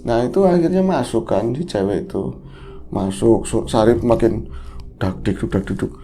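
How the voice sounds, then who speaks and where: A man's voice: mid-range voice, normal speed, dark tone, slight background noise. A man hosting a casual horror podcast, animatedly retelling a spooky story and acting out its dialogue. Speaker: host.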